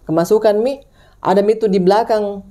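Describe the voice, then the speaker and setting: An Indonesian woman tells a ghost story in casual conversation, rambling and restarting often while acting out the characters in high-pitched voices. Her tone is steady and mellow, and she speaks a little fast.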